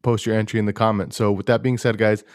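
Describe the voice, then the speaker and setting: A young man hosting a casual sneaker podcast, talking in a rambling, laid-back way with a fairly monotone voice. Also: lowish voice, fast talker, no room sound, studio quality. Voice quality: self-described monotone voice. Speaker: podcast host.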